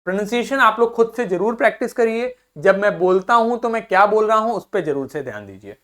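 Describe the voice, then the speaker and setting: A young man teaching a video lesson to school students in a friendly way, drilling pronunciation slowly and repeating each word several times. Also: high-pitched, expressive, a bit bright. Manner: friendly, addresses students as children.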